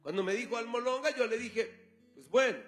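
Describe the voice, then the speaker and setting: A man's voice: very high-pitched, moderate pace, a bit bright, faint music behind. A male pastor preaching a sermon, telling a story and acting out the dialogue. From Colombia.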